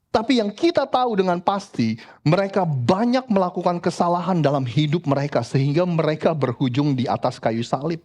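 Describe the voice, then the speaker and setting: A pastor preaching a sermon in church, lively and direct, often addressing the congregation as brothers and sisters. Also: male voice, fairly high pitch, fairly quick. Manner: animated preaching, frequently addressing the congregation as "saudara".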